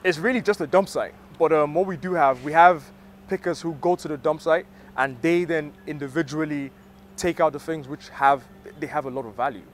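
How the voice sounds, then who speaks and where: A man's voice: a little high, fairly quick. A man in his thirties speaking off the cuff in an outdoor interview. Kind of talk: spontaneous interview talk. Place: outdoors on a street by a truck. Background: faint vehicle noise.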